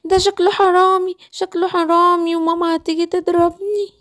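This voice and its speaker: A high, whining little girl calf from a children's cartoon, pleading and refusing in Egyptian Arabic, as a woman puts her on. She has a childish voice that sits well above an ordinary speaking pitch. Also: flat delivery, brisk, a bit bright. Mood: worried.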